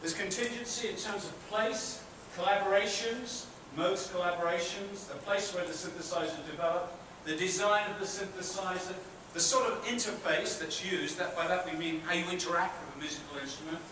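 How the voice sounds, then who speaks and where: The speaker is a middle-aged British university professor delivering a chatty guest lecture to a theatre-hall audience of students. His voice is high and bright, brisk with few pauses, and he asks the audience questions between self-deprecating asides. The mic is far from him, capturing heavy echo and a steady hiss.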